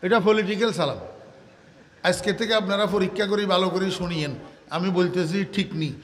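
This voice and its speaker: An older man with a Bangladeshi Bengali accent preaching a waz sermon, asking the crowd questions, answering them himself, and drawing out Arabic words slowly in a half-sung way. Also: sits high, steady tone, fairly bright tone. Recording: echoey hall reverb.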